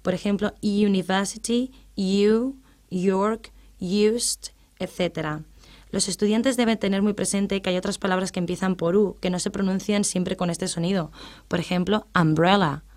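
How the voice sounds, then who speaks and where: A woman explaining English grammar in a radio lesson, patient and methodical, reading out English examples slowly. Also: medium pitch, steady tone, a little mellow.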